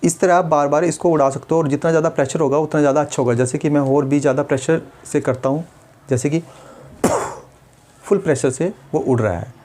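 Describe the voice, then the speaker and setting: A man, a speech therapist calmly explaining exercises step by step. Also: a little high, fast. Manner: patient, step-by-step, demonstrates sounds. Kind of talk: instructional demonstration.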